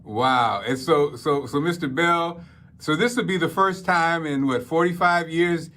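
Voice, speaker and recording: A man's voice: fairly high pitch, unhurried, sharp tone. A man hosting a talk show, introducing a segment in polished form and leading the guest with questions. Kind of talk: presenting and interviewing. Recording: faint music underneath.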